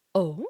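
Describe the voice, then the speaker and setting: Tipsy on wine, a giggly woman streams a game live as a virtual YouTuber, talking casually and pausing to react. Her fairly high voice carries a breathy edge in a dry recording, with faint background music.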